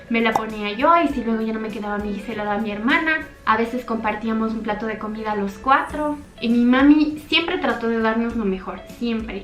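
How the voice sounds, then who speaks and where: Earnest young woman, echoey room. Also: fairly high pitch. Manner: earnest, heartfelt, intimate storytelling. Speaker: YouTuber. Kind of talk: personal storytime.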